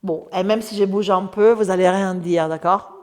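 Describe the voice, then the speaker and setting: A woman's voice: medium pitch, steady tone, moderate pace, darkish tone, long reverb tail. A woman with an Italian accent leading a Pilates class, giving breathing cues and joking with her viewers. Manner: chatty, joking, encouraging cues. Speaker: Pilates instructor. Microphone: lapel mic in clothing.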